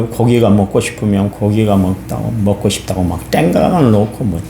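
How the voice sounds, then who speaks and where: Guy pastor preaching early morning, voice swinging all over, roomy church echo, bit of hum. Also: lowish voice. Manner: animated, colloquial preaching with acted-out complaints. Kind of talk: dawn service sermon. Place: church sanctuary. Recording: echoey church hall, faint hum.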